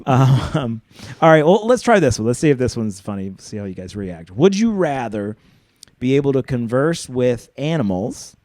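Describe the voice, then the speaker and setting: A man's voice: medium pitch, sing-song, moderate pace, darkish tone, dry recording. A man hosting a podcast, talking in a laid-back, rambling way and getting the hiccups. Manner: laid-back, rambling, puts on silly animal voices. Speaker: podcast host. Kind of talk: casual chat.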